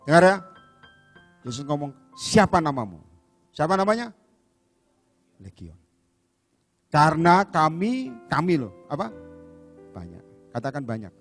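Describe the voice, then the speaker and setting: Animated high-voiced preacher man. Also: measured pace, pauses often, faint music behind. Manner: animated, acts out voices of demons and Jesus, calls for amens. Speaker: evangelist preacher. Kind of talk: lively sermon. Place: church service.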